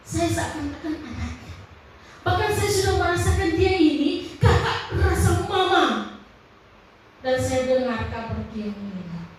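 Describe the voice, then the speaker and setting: Woman pastor w manado accent preaching, high voice, gets emotional, big rises, v echoey hall from far off. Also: a little mellow, a little hiss or hum. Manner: emotional, testimony-driven preaching with sudden high emphatic rises. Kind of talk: sermon.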